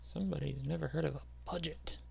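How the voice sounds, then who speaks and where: This is a man with a gravelly, fry-laden voice pitched slightly high, talking through his game work on stream. He is dry and sarcastic and swears freely, with a faint hiss of background noise under him. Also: steady tone, fast, darkish tone. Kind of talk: casual stream commentary.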